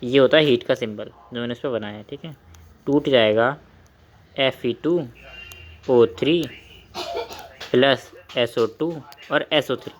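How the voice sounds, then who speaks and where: A man's voice: medium pitch, unhurried, long pauses. A young man teaching a chemistry lesson while he writes, asking the class questions and repeating key terms.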